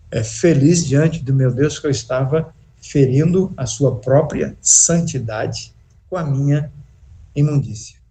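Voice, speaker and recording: A male pastor preaching a sermon in a church, slow and emphatic, with pauses and restarts. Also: mid-range voice, dark tone. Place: church sanctuary.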